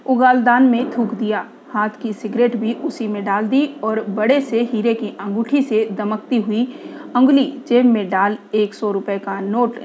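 A woman reading aloud a literary first-person story in a measured way, often dropping to a quieter tone. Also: on the high side, slight background noise.

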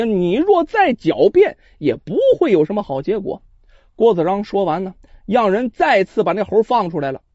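A man telling a traditional folk tale with animated, chatty asides to the listeners. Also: sits high, dry recording, dull audio. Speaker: storyteller. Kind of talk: traditional Chinese storytelling.

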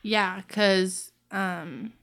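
A woman's voice: mid-range voice, steady tone, drawn-out words, vocal fry. Earnest young woman, casual podcast chat. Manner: earnest, laughs easily, softens when reflective. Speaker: podcast co-host.

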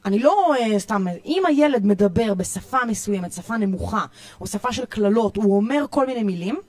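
A woman youth coach with an Israeli accent, giving parenting tips in a podcast interview in an energetic, emphatic way, often repeating herself. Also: medium pitch, dry recording. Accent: Israeli Hebrew. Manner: energetic, repetitive, emphatic listing.

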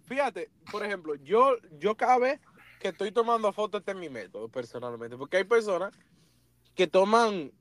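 A man who photographs at church, telling lively stories in a casual podcast chat and imitating camera clicks. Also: sits high, normal speed, dry recording.

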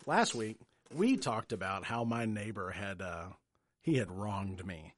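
Laughing man, low voice. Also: measured pace, a little hiss or hum. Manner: animated storytelling, quotes others, laughs often. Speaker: podcast co-host. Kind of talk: casual chat.

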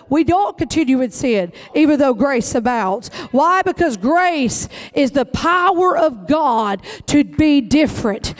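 High-voiced preacher man. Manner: emphatic preaching, folksy Southern phrasing. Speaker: pastor. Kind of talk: sermon.

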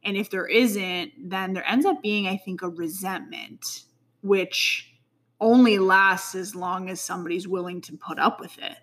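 A woman hosts a relaxed conversation with her husband, playful and teasing. Her voice sits in a middle register and she laughs easily between points. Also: medium pitch, unhurried. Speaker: podcast host. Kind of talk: casual couple chat.

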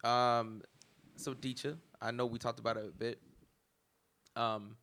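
A man's voice: mid-range voice, level tone, a little slow, fairly bright tone, a little hiss or hum. A young man hosting a casual podcast chat, joking and laughing often. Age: young adult. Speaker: podcast host.

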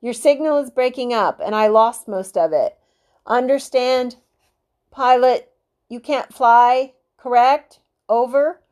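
A woman voicing a calm male radio operator who speaks in clipped, formal radio procedure. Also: on the high side, slow pace, voice pushed up. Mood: businesslike.

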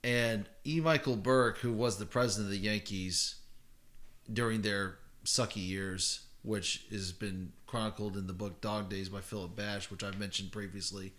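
A man's voice: fairly low pitch, fairly even intonation, moderate pace, a bit bright. A man co-hosting a podcast, retelling a story in a casual, rambling way, full of fillers and self-corrections. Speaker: podcast co-host.

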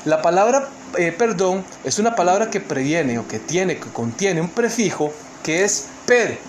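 A man's voice: high voice, expressive, moderate pace, slight background noise. A Costa Rican man giving an online seminar talk, earnest and emphatic, with many fillers and restarts. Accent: Costa Rican Spanish. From Costa Rica. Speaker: seminar speaker.

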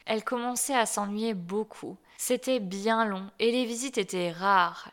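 A woman reading a fairy tale aloud in a clear, expressive storybook manner. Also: mid-range voice. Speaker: narrator.

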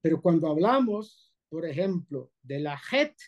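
A man's voice: fairly high pitch, sing-song, measured pace, a little mellow, lo-fi sound. A man with a Colombian Spanish accent teaching a class as a rabbi, emphatic, repeating and exaggerating sounds to demonstrate them and checking that his students follow. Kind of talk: spoken class, explaining pronunciation.

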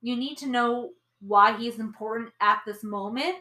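Fairly high woman, echoey room. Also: normal speed, sharp tone. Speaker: podcast co-host. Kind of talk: casual chat.

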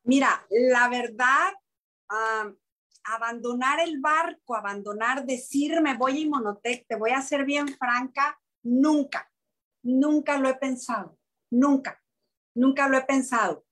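A middle-aged Mexican woman in an interview, telling a personal story with lively, repeated restarts. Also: high voice, slow pace. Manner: animated storytelling, many repetitions and restarts. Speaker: interviewee, network marketing leader.

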